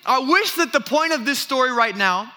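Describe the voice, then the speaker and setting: A man in his thirties preaching a sermon, telling a story about his toddler son with lively, self-mocking energy and frequent restarts before turning earnest. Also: very high-pitched, moderate pace. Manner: animated storytelling with self-deprecating laughs and repeated restarts. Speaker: pastor.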